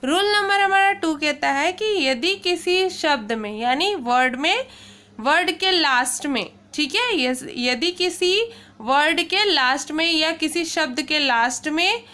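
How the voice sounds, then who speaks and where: A woman whose voice sits high, bright and forceful leads children through a pronunciation lesson, spelling words letter by letter. Her explanations are slow and deliberate, punctuated often by "okay".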